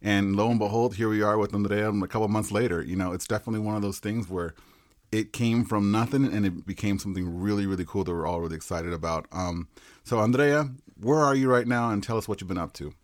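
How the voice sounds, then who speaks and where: A man's voice: on the low side, quick pace, no room sound, studio quality. A man co-hosting an interview in an enthusiastic, chatty way. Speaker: co-host. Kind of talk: casual interview chat.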